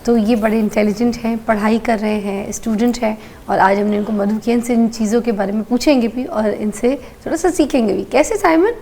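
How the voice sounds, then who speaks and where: A woman's voice: on the high side, fairly even intonation, hardly any pauses, dark tone, slight background noise. A woman from Pakistan hosting a TV morning show, chatting in a conversational style and telling anecdotes with frequent interjections. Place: TV studio.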